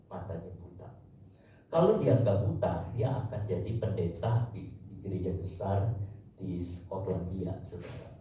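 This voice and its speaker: A man's voice: deep voice, a little slow, mellow, slight background noise. A man preaching a sermon as pastor, speaking emphatically and often addressing his congregation directly. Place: church hall. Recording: echoey church hall from far off, faint ambience.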